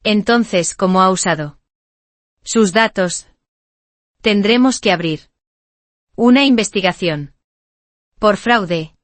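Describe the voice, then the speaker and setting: A woman's voice: medium pitch, takes it slowly, pauses often, no echo, close to an everyday voice. A woman voicing a businesslike female loan company agent who speaks formally and matter-of-factly.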